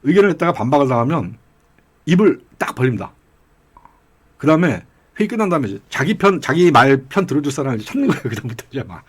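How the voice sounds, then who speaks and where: A man's voice: mid-range voice, very animated, quick pace, breathy edge. A middle-aged man giving casual political commentary, telling rambling anecdotes with chuckles along the way. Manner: acts out regional dialect quotes.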